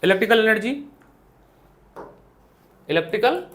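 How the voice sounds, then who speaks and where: A man's voice: high voice, animated, normal speed, fairly bright tone. A young man with an Indian accent teaching a physics class, asking questions and answering them himself. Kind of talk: classroom lecture. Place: classroom with students.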